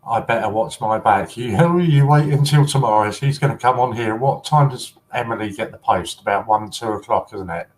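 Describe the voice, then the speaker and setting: A man with a fairly low voice chats casually on a collector livestream. He teases his viewers and giggles often. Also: moderate pace, few pauses, low-quality recording. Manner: chatty, giggly, teasing.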